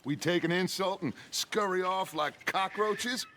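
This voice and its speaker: Dutch, a bright, forceful outlaw leader. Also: male voice, high voice, measured pace, slight background noise. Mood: forceful, insistent. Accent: American. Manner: grandiose, persuasive, oratorical. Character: charismatic, scheming male outlaw gang leader, middle-aged. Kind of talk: dramatic video game cutscene acting.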